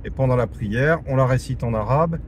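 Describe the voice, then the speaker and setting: Stuck in traffic, a man from France delivers a casual religious lesson at a moderate pace in a mid-range voice. He restarts sentences, uses plenty of fillers, and circles back to stress the main ideas while the sound of the road carries into the recording.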